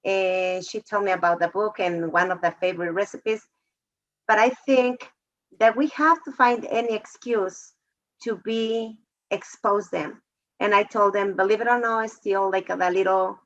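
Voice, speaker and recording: Over dull, lo-fi video call audio, a Mexican fourth grade teacher talks in a medium-pitched voice with fairly even intonation. She is warm and emotional, and her phrasing comes out haltingly.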